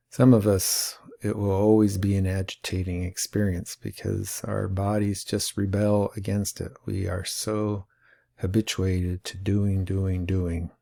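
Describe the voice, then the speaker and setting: A man with a low, gravelly voice talks very slowly and calmly, with long pauses. His tone is mellow and dark as he guides listeners through an awareness lesson. He sounds patient and unhurried. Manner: slow and calm, with long pauses. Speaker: mindfulness teacher.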